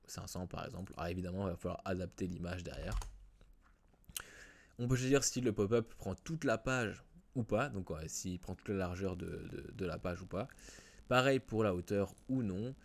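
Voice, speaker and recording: A man walks through a software tutorial in a casual way, with many fillers and restarts. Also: low-pitched, moderate pace, gravelly. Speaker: WordPress tutorial host. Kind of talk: screen-recorded software tutorial.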